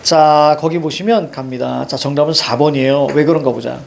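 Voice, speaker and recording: A man's voice: on the high side, brisk, gravelly, slight background noise. A middle-aged male teacher explains a story to students, marking up the text and asking rhetorical questions. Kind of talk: literature lecture.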